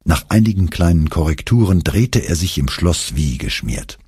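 A man narrating a memoir audiobook in an expressive, dramatic storytelling manner, close to the mic. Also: sits low, moderate pace, breathy edge, dry recording.

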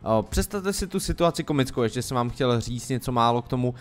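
A man's voice: medium pitch, lively intonation. A man giving casual, jokey let's-play commentary, chatting to game characters in character as he plays. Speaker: gameplay commentator.

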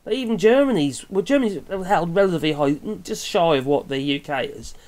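An Englishman in his fifties vlogs his take on the news from a small wooden cabin room with the window open. His voice is a little high and a little mellow, brisk and expressive, and his casual, opinionated commentary rambles along chattily, full of tag questions and frequent self-corrections.

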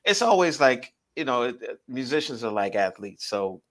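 Easygoing man, mid-pitched voice. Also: moderate pace. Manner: relaxed and easygoing, friendly. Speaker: musician guest. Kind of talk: casual interview chat.

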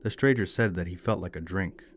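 A man narrating a folktale in a measured, steady reading. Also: low voice, a little hiss or hum. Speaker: storyteller. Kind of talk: scripted folklore narration.

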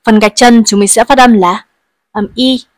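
A woman leads a bilingual English lesson for pupils, patiently explaining each word and having the class repeat after her. Her voice sits a little high. The recording is dry, with no room sound. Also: steady tone, normal speed, no room sound. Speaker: English teacher.

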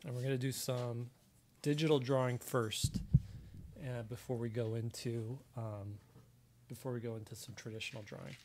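An American man with a medium-pitched, level, darkish voice talks at normal speed, with a little hiss or hum in the audio. He's an artist and drawing instructor giving a casual step-by-step live drawing tutorial while sketching at his desk in an indoor room, heard in the left ear only.

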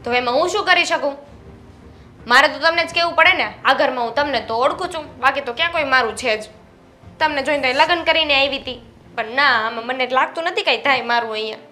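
Brief: young wife, quick and bright-voiced, full of grievances, for a film drama. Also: female voice, high voice. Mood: complaining. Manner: fast, complaining. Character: complaining young wife venting about her mother-in-law.

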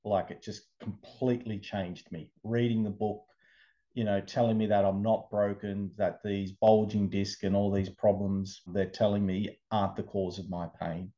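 A man, an interview guest, telling his recovery story in casual, animated talk, over a video call. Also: fairly low pitch, moderate pace, lo-fi sound. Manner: animated storyteller, acts out quoted voices.

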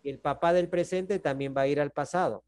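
A man's voice: fairly high pitch, a little fast, darkish tone, slight background noise. A man teaching a math class over a video call, with a Peruvian Spanish accent. He explains patiently and keeps checking in with the class. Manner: patient, checks in often with "¿no?" and "¿está bien?".

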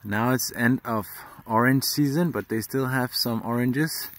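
This thirties-aged vlogger narrates his travels outdoors on a hillside farm, phone held out at arm's length, chatting loosely with fillers and false starts. He speaks at a medium pitch and an unhurried pace.

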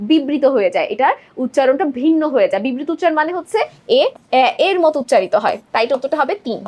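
A woman's voice: high voice, lively intonation, fast, a little mellow. A young woman teacher explaining exam multiple-choice answers step by step, often checking in with her students. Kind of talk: exam-prep lesson walking through multiple-choice answers.

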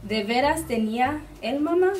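A woman's voice: high-pitched, animated, darkish tone, distant mic. Woman reading a picture book aloud. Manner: slow, deliberate storytelling. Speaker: guest reader for preschoolers.

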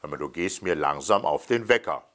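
A man's voice: rumbling low, expressive, fairly quick, a bit bright, voice pushed down. A man voicing a grumpy stranded pilot who grumbles and snaps. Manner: gruff, grumbling.

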